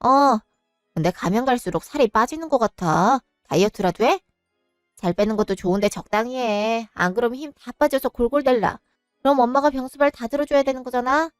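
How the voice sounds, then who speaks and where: A woman's voice: on the high side, brisk, clear, resonant tone, no echo, studio quality, soft background music, natural voice. A woman voicing a mocking, breezy young sister-in-law in a storybook drama. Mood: teasing. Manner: breezy, teasing. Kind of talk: storybook voice acting.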